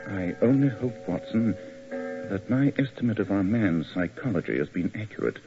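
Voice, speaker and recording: Poised Sherlock Holmes. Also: male voice, lowish voice, animated, husky, faint music behind. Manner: measured, polished, authoritative. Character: Sherlock Holmes, cool, precise detective. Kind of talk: 1940s radio acting. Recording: lo-fi 1940s radio broadcast.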